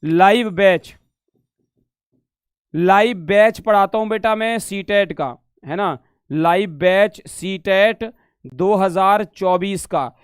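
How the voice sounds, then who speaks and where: A man's voice: high voice, slow, clear, resonant tone, no echo, clean studio sound. A man teaching an online exam-prep lesson, repeating points and checking whether students understood. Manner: repetitive, asks "samajh gaye?" often, calls students beta; drills questions back at the class. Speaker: Sanskrit teacher.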